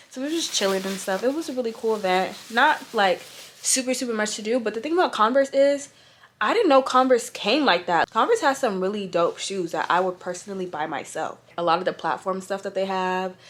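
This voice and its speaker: A woman's voice: mid-range voice, a little hiss or hum. A young adult woman talking casually to camera in a fashion vlog, chatty and slangy, speaking straight to her viewers. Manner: chatty, slangy and relaxed, addresses viewers directly. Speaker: fashion influencer.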